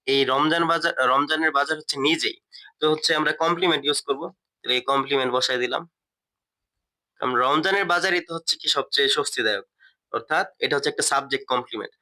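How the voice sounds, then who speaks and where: A man's voice: a little high, quick pace, bright, forceful tone. A man teaching a step-by-step lesson, asking and answering his own questions and often repeating key words. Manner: many fillers and restarts, repeats key words. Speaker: English teacher.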